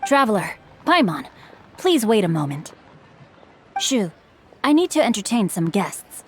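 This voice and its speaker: A woman's voice: medium pitch, very animated, measured pace. A woman voicing a composed, scholarly teenage boy, a merchant heir in a video game, formal and articulate. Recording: music behind.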